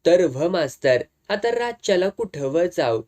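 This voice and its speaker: A man's voice: a little high, very animated, unhurried, a little mellow. A man voicing a talkative, easygoing village man who speaks in homely rural dialect in a storybook tale. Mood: casual. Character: chatty rustic male villager, easygoing.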